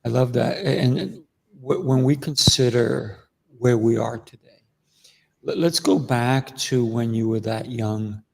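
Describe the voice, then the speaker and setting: A man's voice: medium pitch, a little slow, creaky, big-room sound. A man hosting a coaching podcast, enthusiastic and affirming, often stumbling over the start of his words. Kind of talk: podcast interview.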